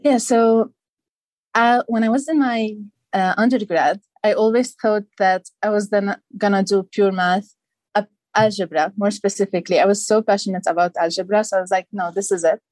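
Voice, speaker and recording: A woman's voice: mid-range voice, steady tone, normal speed, a little mellow, no echo. A young woman from Lebanon, a guest on an interview podcast, explaining her studies thoughtfully with many fillers. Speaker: guest, PhD candidate. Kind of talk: casual interview.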